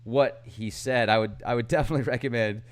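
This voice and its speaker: A man with a mid-pitched voice hosts a podcast and chats casually. He rambles from point to point and laughs easily as he asks his guest questions. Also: steady tone, fast. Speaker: podcast host.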